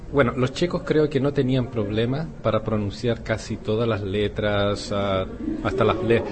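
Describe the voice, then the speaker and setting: A man from Chile with a Chilean Spanish accent, a Spanish teacher answering interview questions in a relaxed, rambling way with hesitations. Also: medium pitch, background noise.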